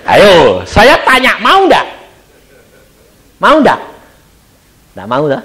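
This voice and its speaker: Man, pastor, Javanese accent, sermon, slightly high voice, very lively intonation, dramatic loud-to-hushed delivery. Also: very slow. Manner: dramatic, acts out dialogue, swings between loud outbursts and hushed asides.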